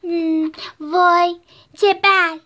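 A woman doing a shrill, rude little boy. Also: flat delivery. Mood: sulky. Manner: whiny, high and loud.

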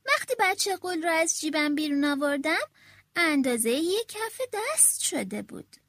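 A woman reading a children's storybook aloud, with a very high, bright voice. She tells it in an animated, lively first-person way. The sound is close and dry. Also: dry recording.

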